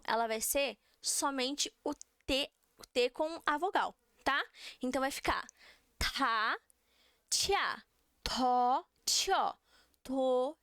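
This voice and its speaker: A woman's voice: high-pitched, fairly bright tone, no echo, clean studio sound. A young Brazilian woman with a Brazilian Portuguese accent, teaching a beginner language lesson and patiently repeating syllables for students to copy.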